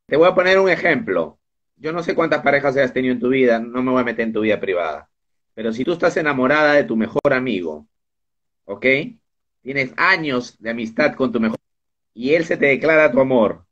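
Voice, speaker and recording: A man's voice: mid-range voice, expressive, normal speed, fairly bright tone, dull audio. A man hosting a casual online interview, chatty and full of asides as he jumps between topics. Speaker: interviewer and host. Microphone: video call.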